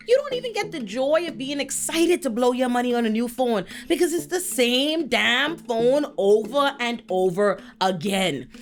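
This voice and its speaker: A woman in her thirties from the Bahamas, telling comic stories in a scripted commentary with profanity and frequent laughter. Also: high-pitched. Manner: animated, profane, laughing storyteller. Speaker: video essay host.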